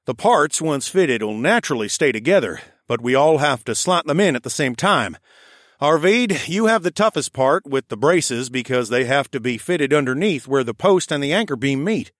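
A man voicing an eager, bossy male raccoon architect who gives brisk instructions. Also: mid-range voice, expressive, fairly bright tone, no room sound, studio quality, close to an everyday voice.

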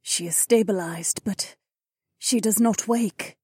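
A man's voice: high voice, takes it slowly, mellow, slightly rough, no echo, clean studio sound, voice pushed up, exaggerated voice. A man voicing a stern ibex woman mage who talks in a clipped, scolding way, in an audiobook reading. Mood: stern, worried. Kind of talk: audiobook character voice.

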